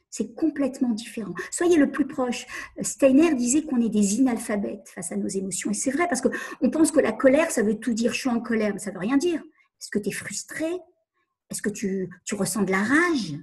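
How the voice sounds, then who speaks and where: A woman's voice: on the high side, a little mellow, breathy edge. A woman coach giving a webinar talk on emotions, earnest and repeating phrases as she acts out inner questions. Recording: online webinar.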